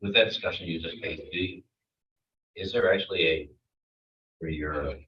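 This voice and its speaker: A man on the council puts searching, halting questions to a department head at a budget workshop. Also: sits low. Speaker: council member asking questions. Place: town meeting room. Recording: distant, muffled, echoey room with faint noise.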